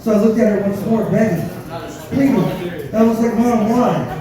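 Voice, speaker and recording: A man performing live stand-up comedy, telling crude, profane, dark-humored stories in a conversational way straight to the crowd. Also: high voice, normal speed. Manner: conversational storytelling, addresses the crowd directly. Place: live comedy show with audience, echoey room. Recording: echoey room, distant mic, audience noise.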